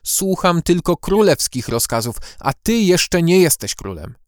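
A man's voice: mid-range voice, big pitch swings, moderate pace, a little mellow, no echo, clean studio sound, natural voice. A man voicing a clever female owl-like warrior who hoots, coaxes and stays firm in an audiobook. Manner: hooting, coaxing, firm. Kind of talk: audiobook character voice.

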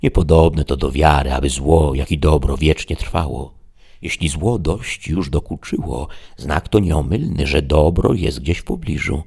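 A man's voice: very deep voice, measured pace, creaky, a little mellow, slightly rough, heavily acted. A man reading a storybook aloud, voicing a deluded, grandiloquent old knight who gives solemn, declamatory speeches.

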